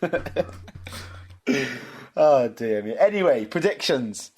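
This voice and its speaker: A man's voice: mid-range voice, very animated, takes it slowly, noisy background. A man with a Welsh accent co-hosting a podcast, defending himself and steering the casual discussion. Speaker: podcast co-host. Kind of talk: casual banter.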